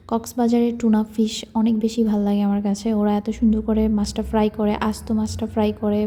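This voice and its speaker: A young woman from Bangladesh narrating her home cooking vlog in a casual, chatty way, keeping her voice soft so her child can sleep. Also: mid-range voice. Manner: chatty, leans on filler words. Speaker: cooking vlogger.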